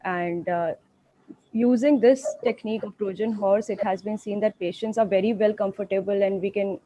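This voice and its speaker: A woman's voice: medium pitch, steady tone, normal speed, dark tone, lo-fi sound. A woman doctor presenting her study at an online conference and answering questions politely, often correcting herself. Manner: polite, deferential, frequent self-corrections.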